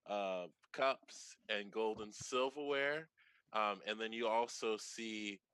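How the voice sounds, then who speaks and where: A man's voice: lowish voice, pushed and bright, clean tone, no room sound. Male player, clean resonant voice, hesitant, casual scene-setting, tabletop roleplay, dry recording. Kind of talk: casual improvised scene description.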